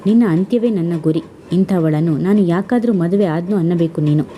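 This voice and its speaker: A woman's voice: fairly low pitch, fairly quick, dark tone, slight background noise, close to an everyday voice. A woman narrator voicing a young female student who speaks with bitter defiance. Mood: vengeful.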